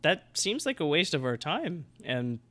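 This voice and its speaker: A man's voice: a little high, sing-song, measured pace, a crowd in the background. A man playing a tabletop game, fussy and wry over an online call. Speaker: player. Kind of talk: tabletop play.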